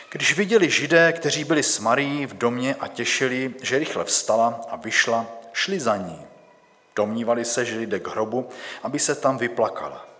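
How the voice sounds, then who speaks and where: A man's voice: medium pitch, fairly bright tone. Man preaching in a reverberant church. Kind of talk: scripture reading and sermon.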